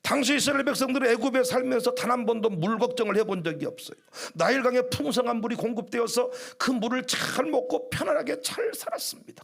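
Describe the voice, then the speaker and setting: A man preaches in a very high voice with a gravelly edge. His pitch leaps and falls in lively swings, and his delivery moves from hushed asides to shouted emphasis. A humorous streak runs through his preaching. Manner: humorous, acting out church squabbles. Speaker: pastor. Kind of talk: sermon.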